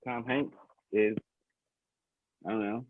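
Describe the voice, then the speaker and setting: A man's voice: fairly low pitch, steady tone, slow, dry recording. A man doing loose, rambling stand-up from his bedroom over a video call, laughing often. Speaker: stand-up comedian. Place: bedroom at home. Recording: tinny phone-like call audio.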